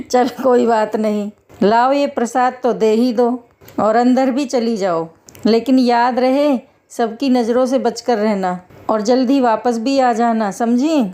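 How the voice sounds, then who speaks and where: A woman's voice: a little high, a little slow, warm tone, close to an everyday voice. A woman voicing a fatherly male security guard. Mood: teasing. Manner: bantering, fatherly. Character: gruff middle-aged male security guard, teasing then remorseful. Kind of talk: storytelling voice acting.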